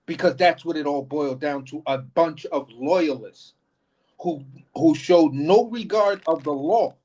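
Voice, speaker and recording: A man's voice: fairly high pitch, unhurried, a little mellow. A man co-hosting a casual political commentary show, speaking emphatically with profanity and repeated phrases. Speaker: co-host.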